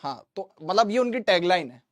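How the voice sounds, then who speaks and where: A man's voice: sits high, animated, a little fast, no echo, studio quality. A man teaching physics in a live online class, joking with viewers' comments and drilling terms by asking them back. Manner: drills terms by call and response. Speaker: physics teacher for exam students.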